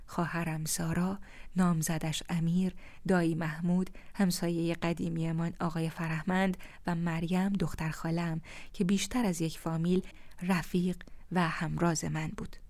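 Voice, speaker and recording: A woman reads a first-person story aloud in a calm, measured, contemplative way. Her voice sits low and sounds mellow and dark. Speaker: narrator.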